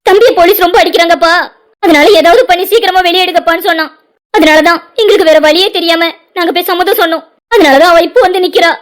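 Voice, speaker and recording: A woman's voice: extremely high pitch, steady tone, fast. A woman voicing an angry pregnant young wife in a cartoon drama, accusing and sarcastic.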